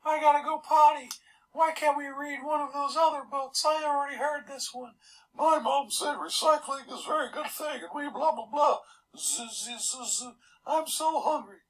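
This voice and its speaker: A man's voice: very high voice, recorded from a distance, voice pushed up, poor audio. A man voicing a restless, whiny little kid rattling off impatient questions in a storybook reading. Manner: rapid string of whiny questions.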